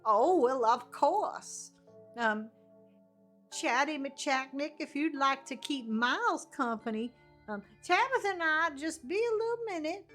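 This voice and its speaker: A woman voicing a kindly, motherly old tea shop keeper in a video game, gentle and a little hesitant. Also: high-pitched, expressive, a little slow, faint music behind. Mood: pleasant, hesitant. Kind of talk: amateur character voice while reading a game aloud.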